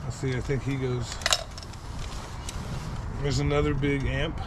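A man's voice: mid-range voice, flat delivery, a little slow. A man in his thirties casually rambling through his finds item by item, recorded on an action camera outdoors beside a vehicle. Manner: upbeat, rambling item-by-item chatter. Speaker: storage unit reseller vlogger. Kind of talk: casual unboxing commentary. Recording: loud background noise.

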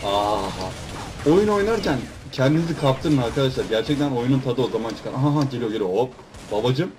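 A young man giving loud, swearing, teasing commentary over his own gameplay, talking to viewers and mocking other players. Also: mid-range voice, animated, brisk. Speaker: gaming YouTuber. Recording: background noise.

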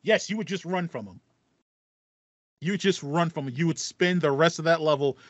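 A man in his thirties, co-hosting a relaxed podcast about video games, talks enthusiastically and repeats phrases to drive points home. His voice is a little high and his pace moderate. He uses a video call headset in a small home room with foam panels, and the recording is dry.

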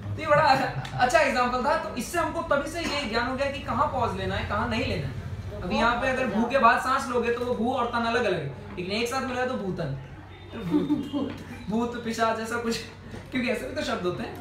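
A man's voice: very high-pitched, fairly quick, crowd noise. A man teaching a singing class, explaining patiently, checking with his students and breaking into song to demonstrate. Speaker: music teacher. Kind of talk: music lesson with sung examples. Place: indoor music class. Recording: roomy, distant mic, music behind.

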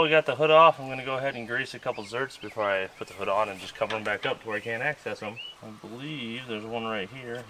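Working on an old tractor outside on a farm, a vlog host gives loose how-to narration, cracking jokes and occasionally muttering under his breath. His mid-range voice is fairly bright, and a little hiss or hum can be heard.

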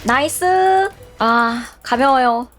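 A woman's voice: high-pitched, expressive, very slow, a bit bright, soft background music. A young woman streaming a game, chatting playfully and teasing her viewers and teammates. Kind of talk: live game streaming chat.

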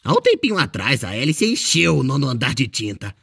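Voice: mid-range voice, huge pitch swings, brisk, gravelly, fairly bright tone, slightly rough, dry recording, studio quality, full character voice. A performer voicing a mischievous, boastful male ink demon in character while commenting on a game, with a playful, exclamatory manner.

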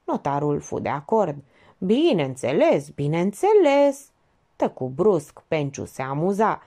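Woman narrator, dramatic audiobook reading, animated and warm-toned. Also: deep voice. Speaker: audiobook reader.

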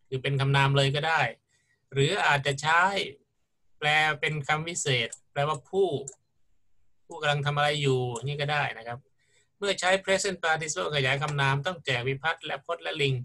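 A man's voice: a little high, steady tone, moderate pace, pushed and bright. A middle-aged man lecturing on grammar in a patient, explanatory way, often checking in with his students. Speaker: university lecturer.

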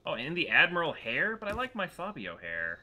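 A man's voice: fairly high pitch, wildly swooping pitch, brisk, pushed and bright. A man chatting casually as he plays a game with friends. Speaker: gamer playing with friends. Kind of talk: casual gaming chat.

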